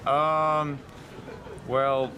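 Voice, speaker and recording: A man's voice: fairly high pitch, flat delivery, drawn-out words. Man chatting on a noisy street. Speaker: tourist interviewee. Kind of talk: casual street interview. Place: outdoors by a city river. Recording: street noise outdoors.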